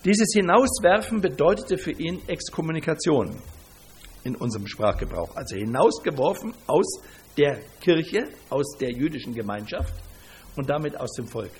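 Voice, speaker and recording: An animated male preacher retells a scripture story with rhetorical punch. His voice is husky and sits fairly high, and it swings widely in pitch. He asks pointed questions of his listeners. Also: moderate pace. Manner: lively, emphatic, rhetorical questions.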